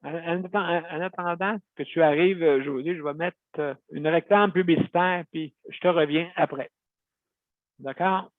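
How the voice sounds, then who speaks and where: A man's voice: on the high side, moderate pace, no echo. A man hosting a show, telling a rambling, chatty story to his listeners and correcting himself as he goes. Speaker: host. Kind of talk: casual talk to listeners. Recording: tinny phone-like sound, dry.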